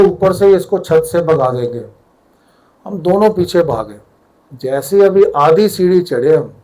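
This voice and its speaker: An older man with a Punjabi accent tells a devotional story, slipping into the lines of each person in it. His voice sits a little high and mellow, and he takes his time over every sentence. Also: poor audio. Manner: vivid storyteller who acts out the dialogue. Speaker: devotee sharing a satsang story. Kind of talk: spoken storytelling at a satsang.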